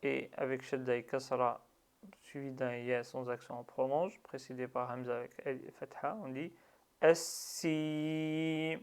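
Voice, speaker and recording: A man teaching a slow, patient lesson, drilling syllables with long drawn-out sounds. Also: mid-range voice, fairly even intonation. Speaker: Arabic reading teacher.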